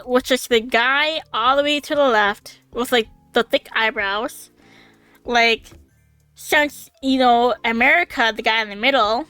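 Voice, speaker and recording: A woman's voice: fairly high pitch, sharp tone, clean tone, no echo. A young woman in her twenties streaming, rambling in casual chat with many fillers, laughs and the odd swear word. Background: faint background music.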